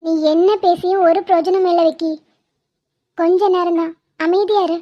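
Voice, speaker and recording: A woman voicing a gentle young woman in a cartoon drama, talking in a soft, restrained way. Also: very high-pitched, level tone, moderate pace. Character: gentle young woman hiding her love. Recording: dull lo-fi.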